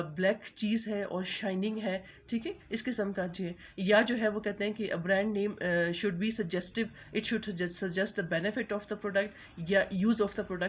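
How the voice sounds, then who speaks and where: A woman lecturer giving a recorded marketing lecture. She reads English definitions slowly, then explains them, often checking in with "theek hai". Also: mid-range voice, slight background noise.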